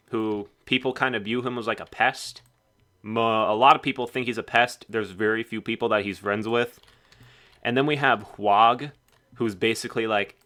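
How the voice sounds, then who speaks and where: A man's voice: lowish voice, sharp tone, clear, resonant tone. A man casually narrating a game devlog in a rambling, offhand way. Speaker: game developer.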